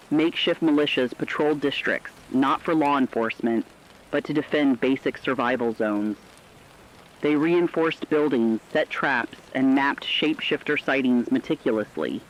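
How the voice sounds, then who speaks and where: A man with a medium-pitched voice narrates a scripted apocalyptic story, solemn and measured. The high frequencies are cut off.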